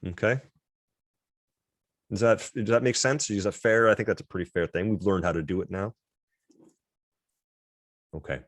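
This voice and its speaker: A man's voice: lowish voice, normal speed, long pauses, dry recording, studio quality. A man teaching an online class, talking casually and self-deprecatingly with frequent restarts over a video call. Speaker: instructor.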